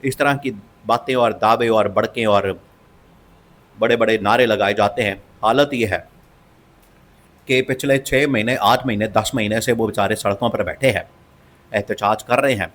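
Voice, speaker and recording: A man's voice: on the low side, moderate pace, a bit bright, slight background noise. A man giving opinionated political commentary, emphatic and scornful, and he repeats phrases for stress.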